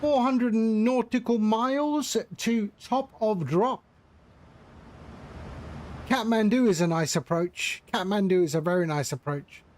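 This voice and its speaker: High-voiced, unhurried joking streamer man. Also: a little mellow, slight background noise. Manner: joking, teasing, laughs often. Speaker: flight sim livestreamer. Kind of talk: casual chat with viewers.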